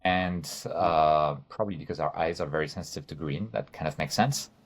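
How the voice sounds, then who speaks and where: A man's voice: extremely low pitch, brisk. A man from France with a French accent, a guest in a casual interview, often repeating words as he thinks.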